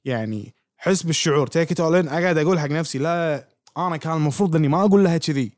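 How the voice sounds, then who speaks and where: A man's voice: on the high side, no echo, clean studio sound. A young man with a Kuwaiti Arabic accent, co-hosting a casual podcast chat and mixing English phrases into his talk. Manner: animated, quick, mixes English into Gulf Arabic. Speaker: podcast co-host.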